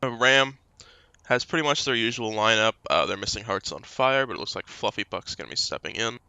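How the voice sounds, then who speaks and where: A man casting a live esports match in a relaxed, chatty way. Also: fairly low pitch, brisk, gravelly, smooth, no room sound, highs cut off. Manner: relaxed, chatty, talks through a meal. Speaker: esports caster.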